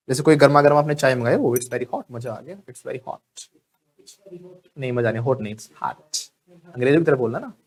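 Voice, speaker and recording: A man with an Indian English accent runs a spoken English class. He talks lively and jokes, and he calls on students by name to answer. His voice sits fairly high for a man. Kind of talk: live classroom lesson.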